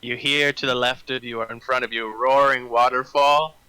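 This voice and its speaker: A man's voice: medium pitch, fairly even intonation, moderate pace, pushed and bright, clean tone, poor audio. A man running a tabletop fantasy game as game master, narrating scenes and calling out rolls.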